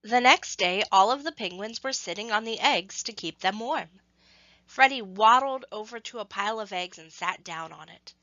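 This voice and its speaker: A woman reads a scripted story to children, phrasing it expressively and at a measured pace while stressing the action words. Her pitch is medium, and the dull-sounding audio has no room sound.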